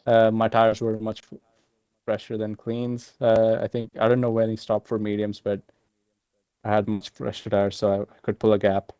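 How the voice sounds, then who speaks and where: Low, mellow-voiced man in a post-race chat. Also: monotone, no echo, dull audio. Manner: halting, many fillers and restarts. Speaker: sim racing driver, race winner. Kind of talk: casual post-race interview.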